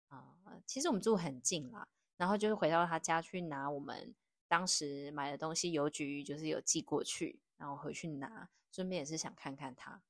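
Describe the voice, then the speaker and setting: A young woman from Taiwan with a Taiwanese Mandarin accent, hosting a casual podcast chat and telling stories with feeling, laughing often. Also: low-pitched. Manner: emotional storyteller, laughs often. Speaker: podcast host. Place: living room of a home.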